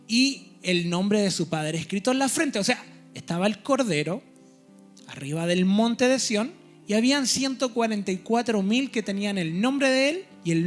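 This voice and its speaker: A man preaching a teaching sermon in a church. He explains step by step and keeps checking in with his listeners. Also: high-pitched.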